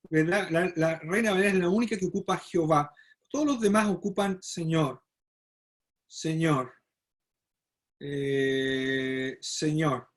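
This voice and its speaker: A man teaching a Bible study lecture, explaining step by step and often checking in with his listeners. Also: on the high side. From Chile. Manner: explanatory, frequent "¿verdad?" tag questions and fillers.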